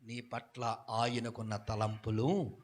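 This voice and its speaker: A male pastor preaching a sermon, asking the congregation questions and swinging from quiet talk to shouted passages. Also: mid-range voice, little pitch movement, slow pace. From India.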